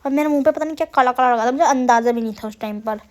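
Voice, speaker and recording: A woman's voice: sits high, very fast, a little mellow, a little hiss or hum. A young woman vlogger with a sore throat, chatting through a self-mocking voice-over about her family day. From Uttarakhand hills, India. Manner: chatty, self-mocking, addresses viewers as guys. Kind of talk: casual voice-over narration.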